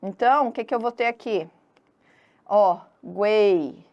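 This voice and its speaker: A woman's voice: medium pitch, slow pace, a little mellow, lo-fi sound. A woman from Brazil giving an online exam-prep grammar lesson in a chatty, teasing way, drawing out syllables to stress a point. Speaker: Portuguese teacher.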